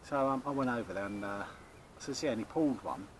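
A man's voice: mid-range voice, fairly quick. A man in his forties chats casually as he walks around his allotment. He rambles and restarts his sentences, filling the gaps with ums and uhs. The sound comes from an action camera out of doors, with a faint hum of background noise. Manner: chatty, rambling, many restarts and fillers. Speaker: allotment vlogger. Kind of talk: casual chat. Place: outdoor allotment garden. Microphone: action camera, held or chest-mounted.

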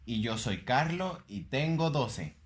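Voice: lively intonation, takes it slowly. A performer voicing a friendly twelve-year-old cartoon boy whose voice is breaking, presenting a children's lesson. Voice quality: deepening adolescent voice.

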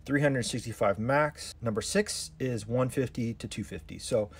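Middle-aged male fishing host, mid-pitched, relaxed tackle-table explainer with a faint hiss behind. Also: normal speed. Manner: explanatory, hands-on, addresses viewers as guys. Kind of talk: casual tackle-prep vlog narration.

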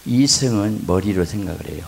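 A middle-aged male pastor preaching at a revival meeting. He is animated and acts out the voices of wives and husbands, swinging between hushed asides and loud exclamations. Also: fairly low pitch, a little fast, gravelly, slight background noise.

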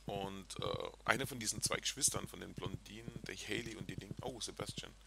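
A chatty, excitable man hosting a video game let's play and talking casually to his viewers. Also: low-pitched, normal speed, gravelly. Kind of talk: casual gameplay commentary. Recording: game music in background.

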